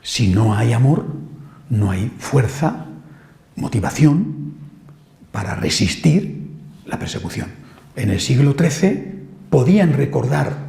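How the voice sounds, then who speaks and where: A man, a priest, giving a sermon-style teaching, impassioned, rising on repeated phrases and dropping low and quiet for emphasis. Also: big pitch swings, slow, gravelly, pauses often. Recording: echoey room.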